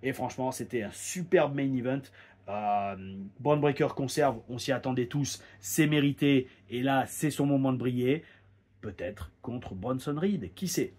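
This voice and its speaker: A man and former pro wrestler, chatting casually in an animated storytelling way as he reviews a show, often repeating words as he goes. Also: medium pitch, a little slow, slightly rough. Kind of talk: casual anecdotal monologue.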